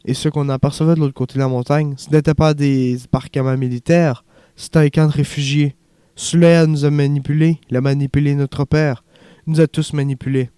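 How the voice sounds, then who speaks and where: A man voicing a young male refugee who dreams of acting, earnest and haunted, in a soft confiding way, for an audiobook. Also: a little high, flat delivery, fairly quick, clear, resonant tone, no echo, studio quality, lightly acted.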